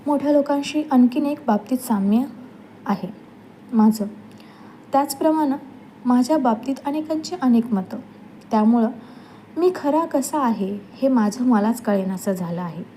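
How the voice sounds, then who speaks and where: High-voiced woman reading a novel aloud. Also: a little hiss or hum, rough recording. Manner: expressive storytelling, acting out quoted relatives. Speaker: reader of a novel. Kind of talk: audiobook reading of a humorous novel.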